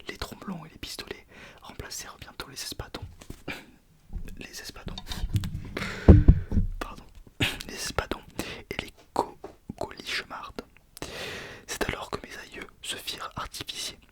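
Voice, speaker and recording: A man reading in a soft ASMR whisper, informal, sometimes stumbling over words and correcting himself. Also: sits high. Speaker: ASMR video creator. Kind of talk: whispered ASMR book reading with casual asides.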